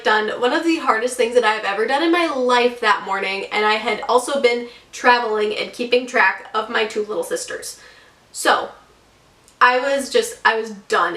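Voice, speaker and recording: A woman's voice: fairly high pitch, bright, forceful tone. A woman in her twenties telling a story to her vlog camera in a casual, chatty way, full of fillers like "like" and "um". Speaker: vlogger. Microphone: camera mic. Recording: roomy echo, camera mic at a distance.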